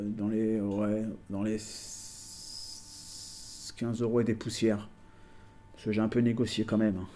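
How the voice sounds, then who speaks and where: A man's voice: medium pitch, mellow. A man chatting casually at home as a collector vlogger, hesitant and talkative, with many fillers and restarts. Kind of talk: casual chat.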